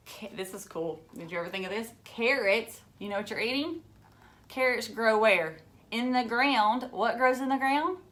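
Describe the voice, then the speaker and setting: Her voice mid-range and a little bright, a woman teacher reads aloud from a children's book. She breaks in with short, simple words of encouragement and explanation, and puts questions to the kids.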